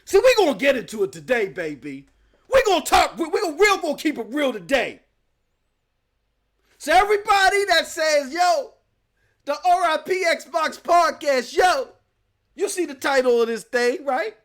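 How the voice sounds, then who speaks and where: A man's voice: very high voice, very animated, moderate pace, fairly bright tone. A man hosting a live gaming news stream, ranting emphatically with slang and rhetorical questions.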